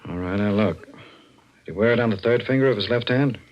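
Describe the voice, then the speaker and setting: An actor playing a tough homicide detective in an old-time radio crime drama, curt, commanding and probing. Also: male voice, lowish voice, a little fast, close to an everyday voice. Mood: brisk, probing. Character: tough, blunt male homicide detective sergeant. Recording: muffled old radio recording.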